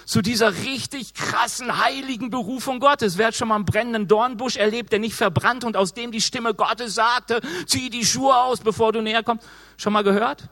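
A man preaching a casual, lively sermon, acting out excuses in quick quoted voices. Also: very high voice. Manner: moves around while preaching.

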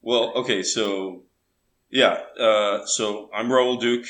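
Low-voiced man in an echoey room. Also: fairly even intonation, slow pace, fairly bright tone. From Texas–Mexico border region. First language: bilingual English and Spanish. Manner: earnest, explanatory, thinking aloud. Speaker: interview guest. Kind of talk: casual interview. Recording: echoey room with faint background noise.

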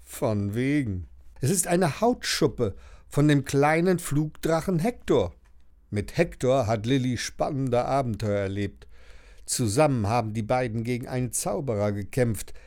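Lively male storybook narrator. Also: medium pitch, measured pace. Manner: animated, expressive storytelling. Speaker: audiobook narrator. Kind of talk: lively children's audiobook narration.

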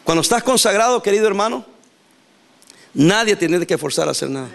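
Animated high-voiced male preacher. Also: brisk, gravelly. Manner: lively, animated preaching with laughs and acted-out quotes. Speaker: pastor. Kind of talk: sermon.

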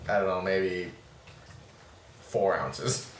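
Game master, male, bright lower voice, loose rambling delivery, faint hiss. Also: slow pace. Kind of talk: narrating a tabletop game. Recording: echoey room, faint noise.

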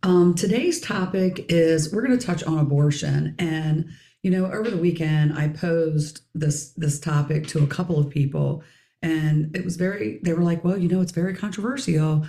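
A middle-aged woman hosting a casual podcast discussion, her raspy voice hoarse as she keeps clearing her throat. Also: deep voice, moderate pace, dark tone, echoey room. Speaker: podcast host.

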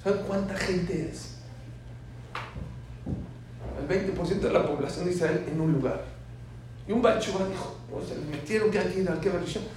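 A man teaching a sermon full of stories, swinging between soft asides and loud emphatic bursts. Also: sits high, moderate pace, long pauses. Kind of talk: sermon with storytelling. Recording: very echoey room from far off, faint hiss.

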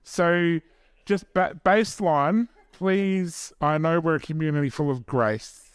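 His voice sits on the high side, clear and resonant, and he speaks slowly. A man from New Zealand preaches informally at church, joking at his own expense and chatting with those gathered, in a dry, studio-quality recording.

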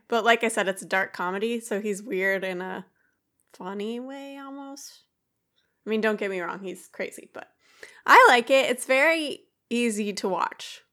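A woman co-hosting a podcast, chatting casually and halting now and then to correct herself. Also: mid-range voice, bright, forceful tone. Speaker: podcast co-host. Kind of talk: casual chat.

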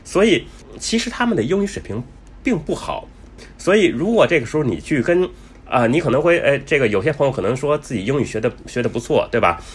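A man with a husky voice talks casually and explains things step by step. His pitch moves around a lot, and he keeps breaking up his sentences with fillers and restarts. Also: big pitch swings. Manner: chatty, many fillers and restarts; says he talks fast. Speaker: travel vlogger.

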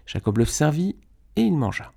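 A man reading a Bible chapter aloud in a steady, measured way. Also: on the high side, gravelly, slightly rough. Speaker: Bible reader.

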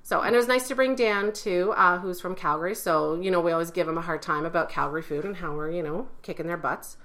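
A woman co-hosting a casual food chat, excitable and chatty, laughing often. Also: on the low side, fast talker. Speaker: podcast co-host.

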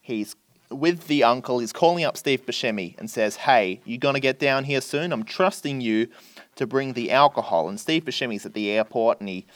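A man's voice: medium pitch, normal speed, no room sound. Man animatedly retelling a film plot. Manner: animated storyteller, acts out characters' lines.

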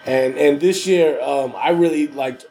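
A man's voice: a little high, a little slow, dark tone, slight background noise, rough recording. Stuffy-nosed man in casual slangy chat. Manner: slangy, emphatic repetition. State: has a cold, stuffy nose. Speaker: podcast co-host.

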